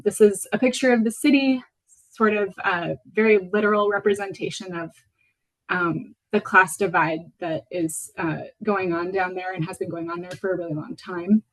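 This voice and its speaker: A woman in her thirties from Venezuela talks at a mid pitch, presenting her work in a loose, unhurried way. She pads her sentences with fillers, and her phrases often fade softly at the end. It sounds like a video call. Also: low-quality recording. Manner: relaxed, with fillers and soft trailing endings. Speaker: guest lecturer, potter. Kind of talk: casual presentation.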